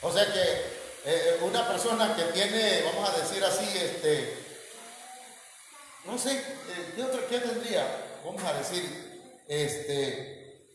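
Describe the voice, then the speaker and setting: A man's voice: sits high, animated, slow pace, long pauses, fairly bright tone, slight background noise. A man with a Mexican Spanish accent, a pastor preaching a sermon to his congregation, calling them brothers and saying amen often, with many fillers. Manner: addresses congregation as hermanos, frequent amén and fillers. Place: church hall. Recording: very echoey church hall with long reverb.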